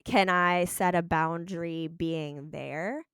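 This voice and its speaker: A woman with a smooth, rounded voice at a fairly low pitch for a woman hosts a casual podcast chat. She talks in a reflective, thinking-aloud way and fills her sentences with "like." The recording is close and dry. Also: steady tone, slow pace, fairly bright tone, no room sound.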